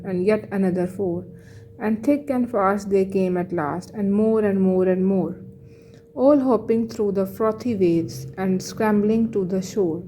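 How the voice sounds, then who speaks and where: Mellow-voiced woman teacher explaining slowly. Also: medium pitch, slight background noise. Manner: patient, rephrases and self-corrects often. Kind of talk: reading a text aloud and explaining it.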